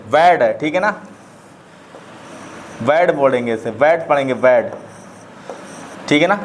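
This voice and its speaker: A man's voice: on the high side, a little hiss or hum. A man teaching English pronunciation step by step, constantly asking the class questions and repeating the answers.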